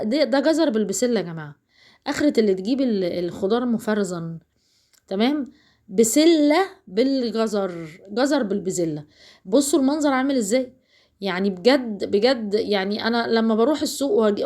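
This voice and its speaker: A fast, chatty woman from Alexandria talks viewers through her cooking in a casual home vlog, her Alexandrian Egyptian accent plain throughout. Her voice sits a little high, and she rambles freely, addressing her audience directly. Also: darkish tone. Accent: Alexandrian Egyptian Arabic. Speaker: cooking vlogger.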